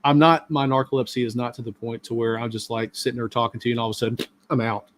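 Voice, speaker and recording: A man's voice: mid-range voice, level tone, fast, slight background noise. Middle aged guy hosting a live stream, rambly chatty, um and uh everywhere. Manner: rambling, talkative, lots of fillers. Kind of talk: casual live-stream chat.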